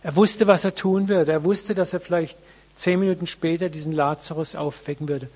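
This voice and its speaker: A man preaching a sermon to a congregation, earnest and reflective, with many pauses, addressing listeners directly. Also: fairly high pitch, steady tone, a little mellow.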